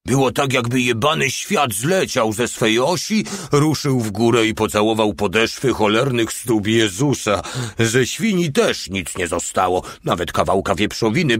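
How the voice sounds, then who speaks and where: A man's voice: fairly low pitch, measured pace, no echo, close to an everyday voice. A male narrator doing a crude, wry small soldier who drawls his coarse lines. The read is close to the mic in a dry space. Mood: boisterous.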